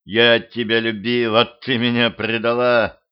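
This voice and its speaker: A man voicing a brash male gang leader who shouts in crude street slang, in a home audiobook. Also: medium pitch, level tone, unhurried, clear, resonant tone, muffled recording, natural voice. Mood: angry.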